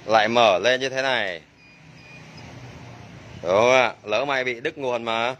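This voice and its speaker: A man's voice: mid-range voice, measured pace, a bit bright, a little hiss or hum. A man working as a motorbike mechanic, demonstrating a repair and joking and exclaiming to himself as he works. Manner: chatty, jokey, exclaims under his breath.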